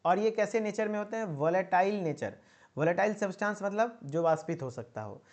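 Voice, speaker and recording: Animated and a little fast, a pharmacy teacher with a high, darkish voice runs an online exam-prep session. Points get repeated, and he checks in often with a coaxing "okay?".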